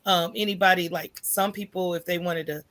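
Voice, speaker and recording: She's an American entrepreneur appearing as a podcast guest, speaking a little fast in a fairly low, steady voice with a fairly bright tone. Her storytelling about her own life is informal and candid, punctuated often by "right?" as she checks in.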